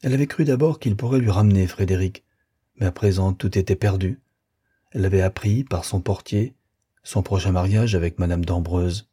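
A man narrating a classic novel as an audiobook, in a measured, even storytelling manner. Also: lowish voice, slightly rough, dry recording, clean studio sound.

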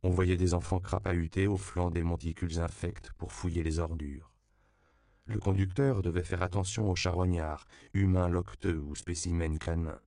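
A man narrating an audiobook in an even, measured literary reading. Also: low-pitched, creaky, clear, resonant tone, no room sound, clean studio sound.

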